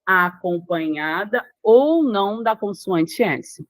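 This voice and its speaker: A woman's voice: medium pitch, lively intonation, slow, dry recording. A woman with a Brazilian Portuguese accent teaching a grammar lesson for exam prep, explaining rules step by step, repeating key words and checking whether the listener follows.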